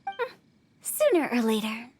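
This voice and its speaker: A woman's voice: huge pitch swings, measured pace, a little mellow, breathy edge, full character voice. A woman voicing a mischievous young female funeral parlor director with a teasing, playful, darkly humorous way of talking, in game voice acting. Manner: teasing, playful sales pitch.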